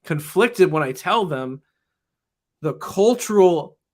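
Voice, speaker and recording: Talking slowly in a high, expressive voice, this public school teacher gives an earnest, casual interview. He keeps restarting his sentences with "you know."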